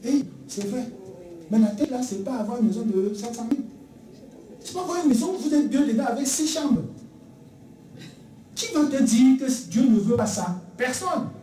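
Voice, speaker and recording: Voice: medium pitch, animated, normal speed, long pauses, mellow, slight background noise. Emphatic preacher, echoey and distant. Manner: emphatic, repeats key phrases, acts out dialogue. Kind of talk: sermon. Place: church sanctuary. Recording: echoey church recorded from afar.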